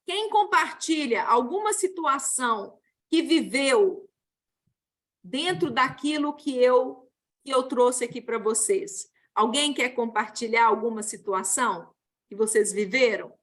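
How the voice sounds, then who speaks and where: High-voiced woman leading a support group. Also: animated, a little slow. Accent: Brazilian Portuguese. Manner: gentle, explanatory, addresses group as "gente". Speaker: group facilitator. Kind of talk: online group session.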